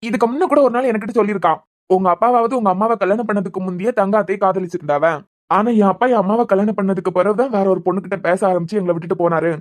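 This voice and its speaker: A woman voicing a fast-talking hot-tempered young man. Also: mid-range voice, steady tone, lightly acted. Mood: brooding. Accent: Kanyakumari Tamil. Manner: fast, scolding, argumentative. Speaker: voice artist. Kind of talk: cartoon serial dialogue.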